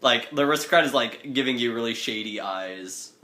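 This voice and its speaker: A man narrating as game master of a tabletop game, animated and giggly, with many filler words. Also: mid-range voice, brisk.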